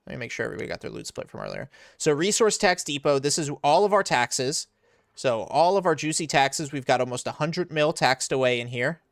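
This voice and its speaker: Animated and a little fast, a young man from Florida, USA, casually streams a game live with a fairly high voice. He keeps up a chatty commentary, explaining his play and reading chat aloud to respond. There's no room sound.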